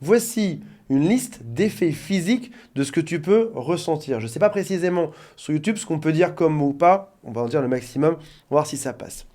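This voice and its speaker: A man's voice: on the high side, lively intonation, moderate pace, warm tone. A man working as a relationship coach, explaining things directly to his viewers in an informal talk, with joking asides. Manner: jokey asides.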